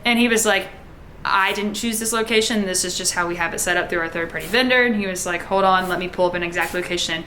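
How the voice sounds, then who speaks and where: A woman's voice: lowish voice, quick pace, bright, forceful tone, slight background noise. A young woman casually telling a personal story to her viewers, chatty and full of "like", acting out the back-and-forth of a conversation. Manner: chatty, heavy use of "like", many restarts, acts out quoted dialogue.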